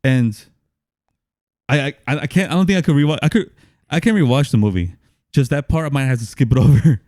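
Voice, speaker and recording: A man's voice: mid-range voice, lively intonation, fairly quick, a little mellow, dry recording, studio quality. A man co-hosting a casual movie podcast, laughing often, swearing and animatedly retelling scenes. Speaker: podcast co-host.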